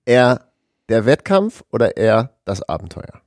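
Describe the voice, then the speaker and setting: A man co-hosting a podcast, asking quick either-or questions in a playful, joking way. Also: medium pitch, big pitch swings, dry recording, studio quality. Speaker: podcast co-host. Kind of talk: podcast interview.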